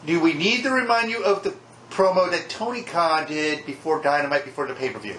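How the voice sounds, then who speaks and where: A man's voice: fairly high pitch, fairly quick, sharp tone. A man talking casually about wrestling as a podcast co-host. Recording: echoey room, faint background noise.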